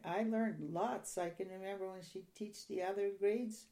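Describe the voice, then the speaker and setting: This is an oral history interview in which an older woman from a Ukrainian-speaking home recalls earlier times, soft-spoken, hesitant and meandering. Her voice is medium in pitch and steady in tone.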